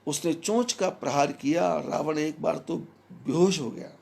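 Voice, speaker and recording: Male spiritual teacher, emphatic measured preaching, gravelly edge to the voice. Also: on the high side, darkish tone. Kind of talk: devotional discourse.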